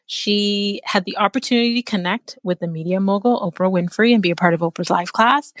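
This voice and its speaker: A woman's voice: mid-range voice, no echo. A woman hosting an interview show, upbeat and affirming as she asks questions. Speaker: host.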